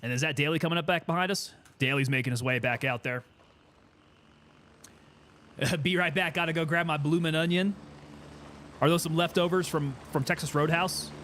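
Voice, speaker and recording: A man's voice: a little high, moderate pace, long pauses, a bit bright. Man thinking aloud over gameplay. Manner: talks to himself and teammates, thinking aloud. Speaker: gaming streamer. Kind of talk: casual gameplay commentary.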